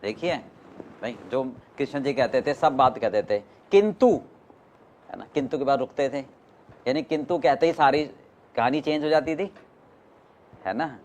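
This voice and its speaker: A man's voice: mid-range voice, normal speed, long pauses, a little mellow. A man teaching a class, mixing Hindi and English, often stopping to question his students. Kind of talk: classroom lecture.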